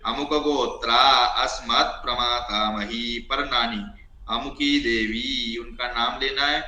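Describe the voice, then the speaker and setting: A man teaching an online class on ritual recitation, chanting Sanskrit formulas slowly and then explaining them. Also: medium pitch, steady tone, pushed and bright, echoey room, low-quality recording.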